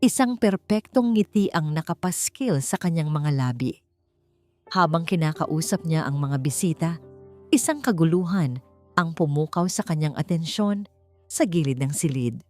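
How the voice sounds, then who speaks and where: Reading a romantic tale for an audiobook, a woman speaks at normal speed and with plenty of expression, her voice going higher during dramatic scenes. Soft music sits faintly underneath.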